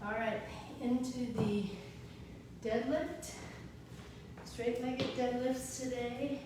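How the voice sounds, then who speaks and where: A woman's voice: fairly high pitch, steady tone, slow pace. A woman leading a workout as an aerobics instructor, giving short, encouraging exercise cues. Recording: echoey room, distant mic, background noise.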